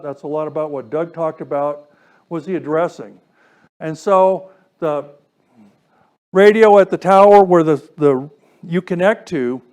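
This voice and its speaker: The man addressing the radio club has a fairly high pitch and a darkish tone. His technical lecture is informal, moving step by step while he poses questions to those listening.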